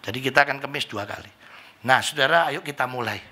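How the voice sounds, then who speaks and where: A man preaching a sermon as pastor, telling lively stories and acting out the voices of people in them. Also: medium pitch, quick pace. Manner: lively storytelling, acts out voices of people in anecdotes.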